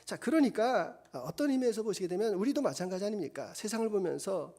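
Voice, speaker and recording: A man's voice: sits high, a little fast. A middle-aged male pastor preaching a sermon, telling a Bible story vividly and acting out its quotes. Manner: animated storytelling with acted quotes.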